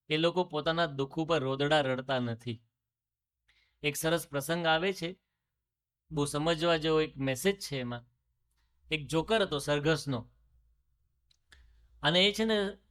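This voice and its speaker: A man with a Gujarati accent delivers a spiritual discourse, and his voice sits somewhat high for a man. He tells a story, puts rhetorical questions to the listeners, and slips English phrases into his talk. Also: a bit bright. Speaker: religious speaker.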